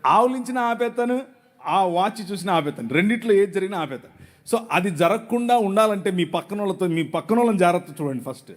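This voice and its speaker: A man with a notably high voice delivers a sermon to thousands in a large venue. He moves between playful banter with the crowd and careful, teacherly explanation. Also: animated, quick pace. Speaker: preacher. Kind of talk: sermon to a live audience.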